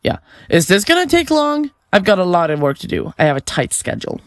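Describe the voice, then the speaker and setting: In an audio drama recorded in a dry space, a woman plays a chirpy, self-absorbed podcaster and remorseless serial killer who kills for her podcast, being interrogated as a suspect. Flippant and chatty, she speaks with a very animated, theatrical delivery sliding up and down with blithe self-regard. Her voice is fairly low-pitched and brisk, with no reverb.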